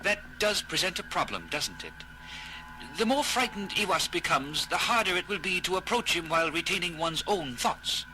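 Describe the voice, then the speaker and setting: A pompous alien ambassador, speaks in a high, theatrically swooping voice. He is haughty and slippery, all false courtesy, in a space audio play. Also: big pitch swings, normal speed, slight background noise, heavily acted, poor audio. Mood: smooth. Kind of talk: dramatic science fiction audio play acting. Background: loud dramatic music.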